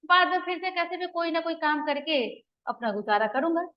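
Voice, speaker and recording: A woman's voice: very high-pitched, expressive, fairly quick, muffled recording, a little hiss or hum. A woman retelling and explaining a drama scene for students, moving between quoted dialogue and plain explanation. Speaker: teacher explaining a play.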